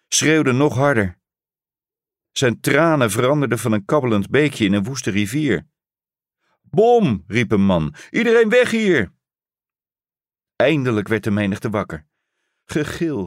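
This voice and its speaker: A man reading a story aloud as narrator, in a measured, solemn, dramatic way. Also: mid-range voice, no echo, clean studio sound. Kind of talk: scripted audiobook narration.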